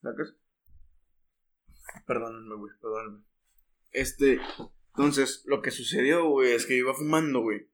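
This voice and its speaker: Co-hosting a podcast, a man with a northern Mexican accent from Monterrey tells a story in casual chat, full of heavy crude slang and frequent restarts. His voice is medium-pitched and a little slow, with long pauses.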